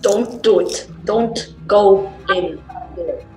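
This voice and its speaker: A woman playing a frantic, exasperated onlooker in a comic stage play, pleading and shouting panto-style call-outs at the characters. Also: medium pitch, very slow. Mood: alarmed. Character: frantic, exasperated horror-movie-style audience member yelling warnings at the story. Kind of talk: comic stage theatre acting. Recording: roomy stage sound, faint music.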